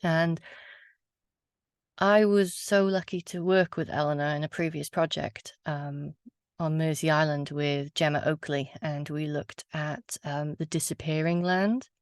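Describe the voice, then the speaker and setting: A woman storyteller with a low voice and a gravelly edge, speaking reflectively and a little hesitantly. Her voice sounds dry and close, with no room around it. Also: fairly even intonation, unhurried, no echo. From Wales. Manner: reflective, earnest, with hesitant fillers. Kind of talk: casual talk and poetry reading.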